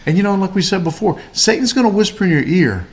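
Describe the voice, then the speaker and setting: A man's voice: high voice, lively intonation, fast, slight background noise. A man co-hosting a casual faith-based chat, talking in a rambling way with many fillers and restarts. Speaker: podcast co-host.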